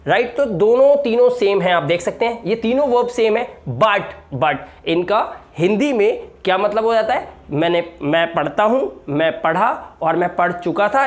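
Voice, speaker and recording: Male grammar teacher, patient drill style, repeats every form. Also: high voice. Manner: repeats words, checks in with "right". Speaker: English teacher. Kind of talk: classroom grammar lesson.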